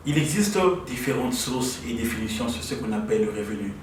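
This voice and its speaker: A man explaining a concept in a didactic, measured way. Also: mid-range voice, a little hiss or hum. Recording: echoey and distant.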